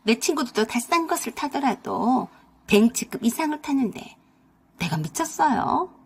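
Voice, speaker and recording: A spoiled, greedy young sister-in-law whines and demands in a high, shrill voice, as a woman reader acts her out. The breathy tone stays under every pushy line. It is a storybook radio drama with one reader doing all the parts. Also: big pitch swings, normal speed, full character voice. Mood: wheedling.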